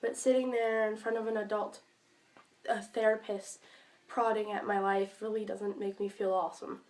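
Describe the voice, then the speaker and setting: A teenage girl talking to camera in a personal vlog, hesitant with many pauses and restarts, sick and speaking around a cough drop. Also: medium pitch, flat delivery, darkish tone. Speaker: vlogger.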